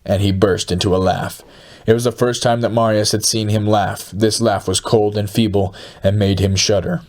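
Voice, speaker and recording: A man narrating an audiobook in a steady, measured reading. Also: on the low side.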